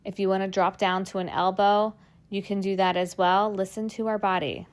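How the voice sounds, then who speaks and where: A woman's voice: medium pitch, level tone, moderate pace, slight background noise. A young woman leading a workout class, encouraging and cueing the moves while she exercises along, strained from the effort. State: strained, working out while talking. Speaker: fitness instructor.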